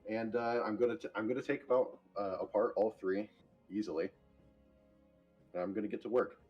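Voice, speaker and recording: Low-voiced guy cursing up a storm as a crazy gunsmith, kinda dull lo-fi mic. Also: steady tone, brisk, faint music behind. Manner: brash, profane, chaotic. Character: unhinged male gunsmith, reckless and crude. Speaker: player. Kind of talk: playing a tabletop game in character.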